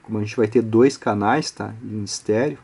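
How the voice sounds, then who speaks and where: His voice sits on the low side, gravelly and darkish with a breathy edge, moving at a moderate pace. This Brazilian Portuguese-accented channel host teaches audio electronics through an informal step-by-step tutorial, keeping it conversational and explanatory while often ending phrases with tag questions.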